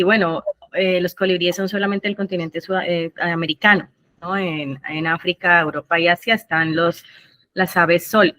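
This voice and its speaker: A woman with a bright, forceful voice asks long questions full of fillers. The sound is dry and close, like a video call. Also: medium pitch, no room sound. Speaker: audience member asking questions. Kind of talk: online Q&A question.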